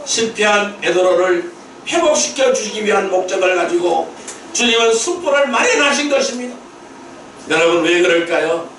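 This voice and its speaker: High-voiced preaching man in an echoey hall. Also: slight background noise. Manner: emphatic preaching with rhetorical questions and shouted peaks. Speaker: pastor. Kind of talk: Sunday worship sermon. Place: church sanctuary. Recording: very echoey hall, mic at a distance.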